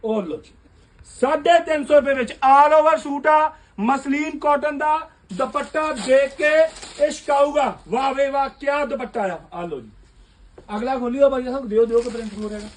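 Running a basement clothing shop, this suit seller bellows his pitch at full volume, rattling off prices at rapid speed as a loud live sales call. For a man, his voice is extremely high.

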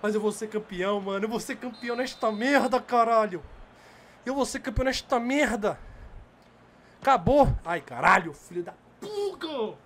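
A man's voice: high voice, normal speed, slight background noise. A Brazilian man giving live gameplay commentary, swearing and urging his players on, keeping his voice down because of the late hour. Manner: excitable, swearing and urging on the screen; holding back from shouting because of the late hour. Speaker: gamer.

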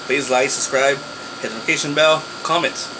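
A man in his thirties giving a casual snack review to camera, talking haltingly and chattily as he eats crunchy chips. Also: mid-range voice. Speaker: food review vlogger. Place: small bedroom, indoors. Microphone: phone at arm's length or propped nearby. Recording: noisy room with steady background hum.

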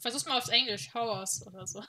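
A woman chatting casually on a livestream with friends and viewers, playful and expressive. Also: on the high side, a little fast. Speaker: livestream host, VTuber streamer. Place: indoors, streaming setup at a computer.

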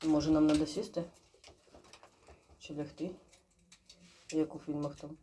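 A woman with a Chernihiv-region Ukrainian accent, mixing in Russian words, chatting jokily into her phone while stuck in a small elevator, swearing and dropping to a hush to listen. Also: low-pitched, flat delivery, unhurried, a little hiss or hum. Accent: Chernihiv-region Ukrainian with Russian-mixed speech. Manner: joking and wry, swears, drops to a hush when listening. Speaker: vlogger filming on her phone. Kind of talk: casual chat.

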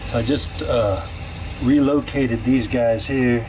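A man's voice: mid-range voice, fairly even intonation, slow. Rambling folksy man on noisy camera audio. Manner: rambling, folksy, many fillers. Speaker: vlogger. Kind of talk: casual off-the-cuff vlog. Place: indoors at home. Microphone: handheld camera mic.

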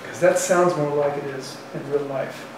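This is a sixties-aged university economics professor thinking aloud during a relaxed, colloquial lecture before a chalkboard. His tone is steady, his pitch on the high side, and he talks at normal speed. A distant mic picks up the echoing room and some faint noise.

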